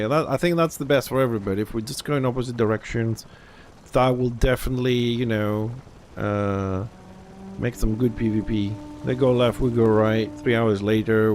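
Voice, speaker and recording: A man's voice: mid-range voice, darkish tone, slight background noise. A man with a Greek accent streaming a game live, grumbling and swearing as he restarts his sentences. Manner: restarts and trails off mid-sentence. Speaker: gaming livestreamer. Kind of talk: casual live gameplay commentary.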